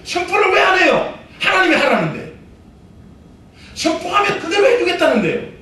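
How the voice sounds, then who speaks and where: A male pastor preaching a sermon to a congregation, animated and acting out pep talks to himself, recorded in a church sanctuary. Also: extremely high pitch, moderate pace, a little hiss or hum. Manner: animated preaching, acts out self-talk, calls out to the congregation. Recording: echoey church hall, mic at a distance.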